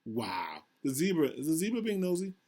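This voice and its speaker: Over a video call, a man who is a school principal reads a picture book aloud to children in an animated, unhurried voice on the high side. He encourages and praises them, asking questions about the pictures.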